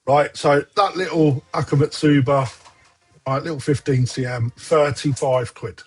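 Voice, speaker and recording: Hosting an online koi auction in a casual livestream, this man is chatty but a bit distracted as he handles several windows at once. His voice is on the high side with a breathy edge, fairly even in intonation, and unhurried.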